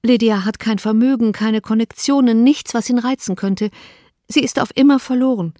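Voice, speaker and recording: A woman's voice: on the high side, normal speed, dark tone, dry recording, studio quality, pitched above the performer's own voice, close to an everyday voice. A woman reading an audiobook, voicing a distraught, tearful young woman with a raised, pleading voice. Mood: anguished.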